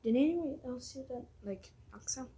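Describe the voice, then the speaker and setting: A woman with a slightly high voice that is very breathy and husky, with a soft, mellow tone. She talks casually to her viewers as an amateur vlogger. Her delivery is halting and full of informal slang.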